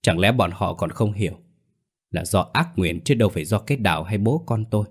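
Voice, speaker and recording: A man voicing a stern, principled older father in an audio story, speaking calmly, firmly and reproachfully. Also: lowish voice, fairly quick, husky. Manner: calm, firm and reproachful.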